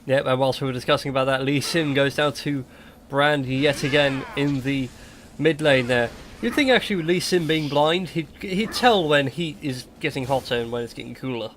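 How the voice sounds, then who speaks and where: A man doing chatty play-by-play commentary on a video game match, quick and joking. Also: mid-range voice, a bit bright, slight background noise. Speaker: game caster.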